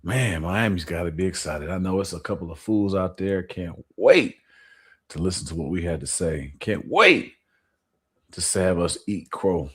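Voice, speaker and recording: A man's voice: low voice, lively intonation, moderate pace, fairly bright tone, breathy edge. A man co-hosting a sports talk podcast, teasing and contrarian in casual banter. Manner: teasing, contrarian, laughs between lines. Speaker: podcast co-host.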